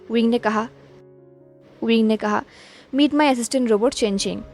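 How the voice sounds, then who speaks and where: Woman reading a fanfic out loud, slightly high voice, even pace, faint music behind. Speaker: storyteller. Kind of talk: reading a fan fiction aloud.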